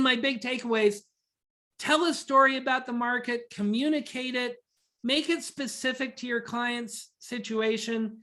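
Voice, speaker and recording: A man giving a rapid, enthusiastic webinar presentation over a video call, talking like an auctioneer. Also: very high-pitched, pushed and bright. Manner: rapid, enthusiastic, self-described nerd. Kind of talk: fast-paced webinar presentation.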